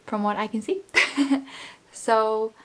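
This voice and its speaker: Gentle woman guiding spiritual relaxation. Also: medium pitch, measured pace. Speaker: host of an energy healing channel. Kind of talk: guided spiritual relaxation talk.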